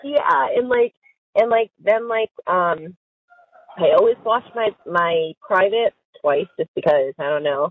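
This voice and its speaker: A woman calling an inmate chats casually on a recorded prison phone call, giggling and using lots of fillers like "like." Her voice is lowish and unhurried, over a tinny, dry phone line with slight background noise.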